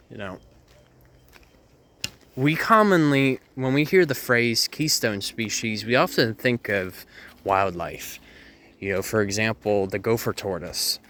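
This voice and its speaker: A man with a medium-pitched, bright, forceful voice leads a nature walk through a Florida hammock woodland. Acting as the guide, he chats about the plants in an educational walk-and-talk, amusing himself with asides and puns at his own expense.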